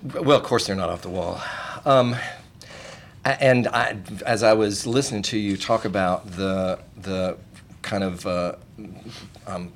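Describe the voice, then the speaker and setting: A man's voice: low voice, a little slow. A man who is a clinical psychologist, talking hesitantly as a radio guest with many fillers and restarts. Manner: hesitant, many fillers, self-deprecating chuckles. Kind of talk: casual interview talk.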